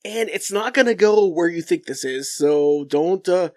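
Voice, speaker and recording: Solo podcast host, young and male, sounds congested and nasal; his slightly high voice has lively intonation and moves at a slow, stretched-out pace. Blunt and foul-mouthed, he keeps looping back and restarting his thoughts, captured close-up in a fully dry, echo-free recording.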